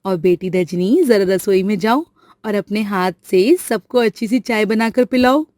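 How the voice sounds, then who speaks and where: Woman doing a calm, kind mother-in-law, gentle, animated storybook. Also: medium pitch, measured pace, natural voice. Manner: gentle, reassuring. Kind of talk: storybook voice acting.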